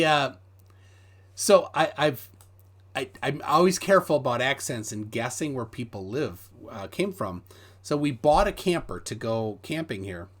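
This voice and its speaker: An American man hosting a live stream chats casually, his medium-pitched voice a bit bright. He tells meandering stories, hesitating with many fillers, and reads viewer messages aloud.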